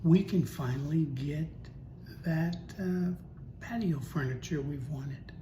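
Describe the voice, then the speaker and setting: A man's voice: on the high side, slow pace. A man voicing an easygoing older husband who goes along with his wife, in his own voice. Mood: mild. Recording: echoey room with steady noise.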